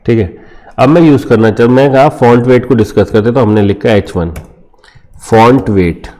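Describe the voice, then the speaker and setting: Man, Indian accent, coding tutorial, warm dark voice, casual chatty delivery, friendly filler check-ins. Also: medium pitch, normal speed. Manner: informal, addresses viewers as friends, frequent "theek hai" fillers. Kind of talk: screen-recorded coding lesson.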